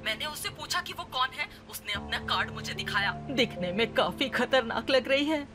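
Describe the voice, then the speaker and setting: A woman voicing an anxious, pleading mother figure in a dubbed TV drama, over loud background music. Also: sits high, lively intonation, normal speed. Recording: loud music under dialogue.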